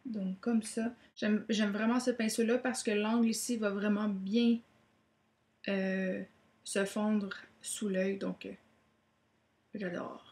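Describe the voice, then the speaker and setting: A woman's voice: medium pitch, flat delivery, takes it slowly, a little mellow, echoey room. A woman gives a chatty makeup tutorial, with many "donc, euh" fillers. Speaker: beauty vlogger.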